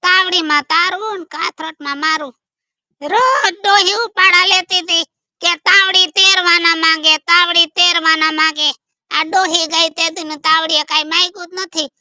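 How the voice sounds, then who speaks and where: A man's voice: extremely high pitch, steady tone, moderate pace, bright, forceful tone, dry recording, clean studio sound, heavily acted. A man playing a grumpy old village man whose wife has left, complaining and cursing in a theatrical way. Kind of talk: rustic comedy sketch acting.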